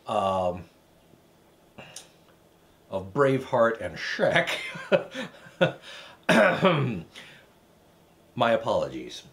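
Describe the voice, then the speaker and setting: A man hosting a recipe show, tasting a dish with dry, hesitant, wry asides. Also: mid-range voice. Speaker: cooking show host. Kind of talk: casual recipe review.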